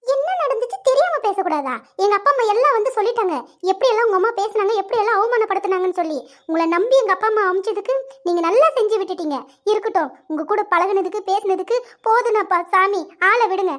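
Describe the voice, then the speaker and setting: A woman's voice: very high voice, fast talker. A woman voicing a stubborn, wounded young woman who argues with her lover in a cartoon. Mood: indignant. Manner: firm, indignant, reproachful.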